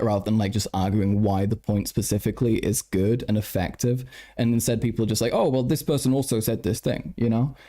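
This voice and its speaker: A man's voice: on the low side, dark tone. A tired man chatting casually on a late-night livestream, stuttering, repeating words and swearing as he answers his chat. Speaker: live streamer.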